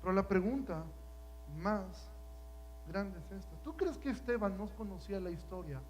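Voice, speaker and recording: A man preaching a sermon in a high, light voice. He swings between hushed, intimate stretches and loud, climbing passages, pressing the congregation with question after rhetorical question. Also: animated, normal speed, slight background noise, rough recording.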